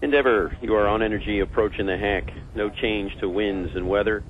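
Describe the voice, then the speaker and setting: A man's voice: fairly low pitch, steady tone, a little fast. A man at mission control giving terse procedural radio calls, heard over a radio transmission. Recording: muffled radio link with faint hiss.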